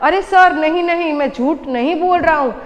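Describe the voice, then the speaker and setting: A woman's voice: high voice, moderate pace, big-room sound, muffled recording, natural voice. A woman teacher voicing an angry tall male beggar from a children's storybook, protesting indignantly.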